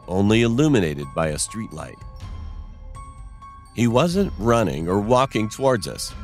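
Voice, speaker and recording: A young man narrating a first-person scary story in a scripted telling. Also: fairly low pitch.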